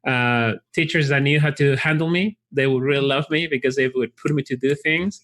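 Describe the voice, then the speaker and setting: A college recruitment director with a Chilean Spanish accent talks in a friendly, relaxed way during a casual interview, often restarting his sentences. His voice is medium-pitched and moderately paced, heard over a video call.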